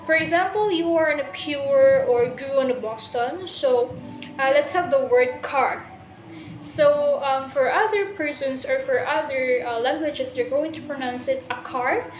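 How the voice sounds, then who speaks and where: A woman's voice: high-pitched, unhurried, roomy sound, a little hiss or hum, rough recording. A woman student giving a class presentation, explaining step by step with many hesitations and restarts.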